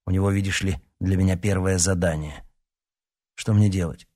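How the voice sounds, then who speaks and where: Reader voicing an annoyed, snappy teen werewolf for an audiobook. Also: male voice, low voice, steady tone, moderate pace, a little mellow, dry recording, clean studio sound. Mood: sullen. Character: irritable teenage werewolf boy.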